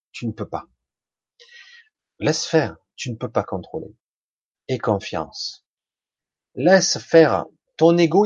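A man's voice: mid-range voice, slightly rough, no room sound, muffled recording. A man giving an informal motivational talk straight to the listener, colloquial and blunt, with mild swearing.

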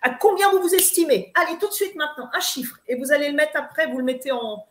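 High-voiced woman coach in echoey room. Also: fast. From eastern France. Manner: emphatic, lecturing, with many fillers and restarts. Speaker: spiritual coach guest. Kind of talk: live advice talk. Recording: roomy echo.

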